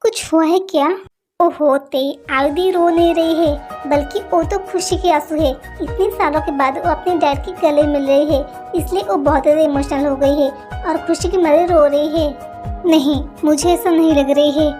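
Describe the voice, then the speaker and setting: A woman reads a scripted fan audio story and voices every character herself. Her voice is very high, and she changes it little from one character to the next. Music plays clearly behind her. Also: fairly even intonation, moderate pace. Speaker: storyteller voicing all characters.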